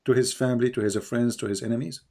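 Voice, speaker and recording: A man's voice: mid-range voice, steady tone, fast, gravelly, a crowd in the background. A pressing male call-in debate host. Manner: pressing, repeats questions, interrupts the caller.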